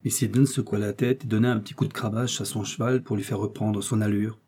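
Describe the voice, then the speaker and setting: Dark husky male audiobook narrator. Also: fairly low pitch, fairly even intonation, fast talker. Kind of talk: dramatic novel narration.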